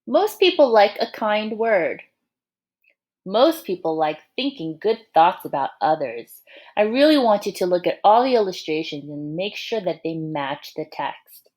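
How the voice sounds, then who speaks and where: This is a medium-pitched woman reading a picture book to small children. Like a teacher, she keeps it expressive and encouraging, pausing now and then to pose questions and make little asides.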